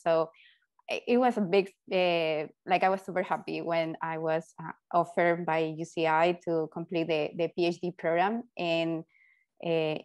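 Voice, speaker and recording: Middle-aged Peruvian-accented woman panelist, lowish voice, earnest, restarts words; earphone mic on a video call. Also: a little mellow. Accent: Peruvian Spanish. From Peru. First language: Spanish. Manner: earnest, repeats words while finding them. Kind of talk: personal story on a panel. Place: home office.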